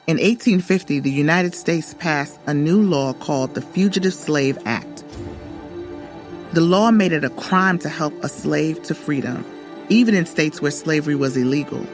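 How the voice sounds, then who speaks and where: Narrating a scripted children's tale, a woman reads in a deep voice at a moderate pace while music sits underneath.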